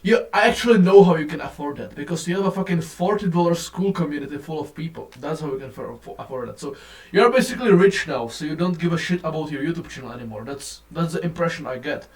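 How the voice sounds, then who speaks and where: Man ranting on a low-quality phone recording. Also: fast, few pauses, recorded from a distance. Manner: profane, rambling, animated. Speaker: vlogger. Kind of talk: casual rant to camera.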